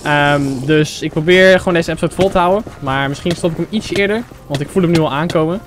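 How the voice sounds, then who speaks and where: A young man from the Netherlands with a sore throat, giving excitable casual commentary over a game and talking straight to his viewers. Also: on the high side, quick pace, background noise. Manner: excitable, mixes English phrases, talks to viewers as 'jongens'. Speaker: gaming YouTuber. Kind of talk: casual Let's Play commentary.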